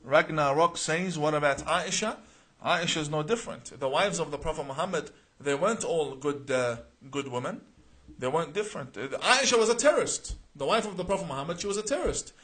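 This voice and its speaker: An Iraqi man runs a live Q&A stream, reading viewer names and comments, then answering earnestly, often saying uh and repeating words. His voice sits on the high side, a bit bright and slightly rough, with lively intonation and a slightly fast pace.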